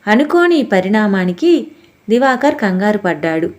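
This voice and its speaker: A woman narrating a family audiobook story in a steady, expressive storytelling manner. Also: medium pitch, moderate pace. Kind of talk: scripted narration.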